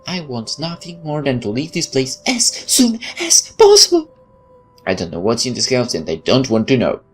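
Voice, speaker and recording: Reading a game's narration and chatting casually on stream, this woman, whose first language is Polish, trips over words and fixes them often. Her voice rumbles low and sounds husky.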